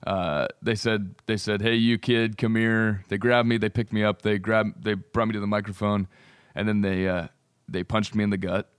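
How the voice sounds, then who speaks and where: Low-voiced deadpan man telling tall tales. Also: clean tone, no echo, clean studio sound. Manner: hesitant, halting, many fillers and restarts. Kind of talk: deadpan absurd storytelling.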